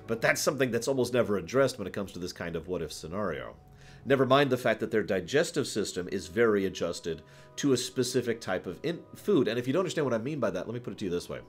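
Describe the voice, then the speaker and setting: Thinking out loud, a man answers viewers on a casual livestream, offering off-the-cuff commentary at a fast pace. His pitch swings widely and expressively as he chuckles through his points and acts out examples, with music playing behind him.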